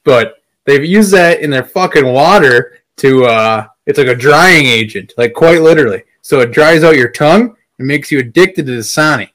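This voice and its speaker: A man with a Wisconsin accent, talking on a casual podcast. His voice sits at an ordinary middle pitch. He talks bluntly, swears freely and rambles from one point to the next. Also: moderate pace, fairly bright tone, low-quality recording. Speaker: podcast co-host.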